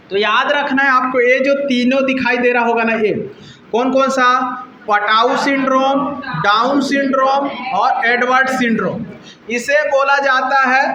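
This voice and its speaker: A man's voice: very high-pitched, sharp tone, slight background noise. A male teacher giving a lecture, who keeps asking the class questions and answering them himself. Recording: roomy, dull lo-fi sound.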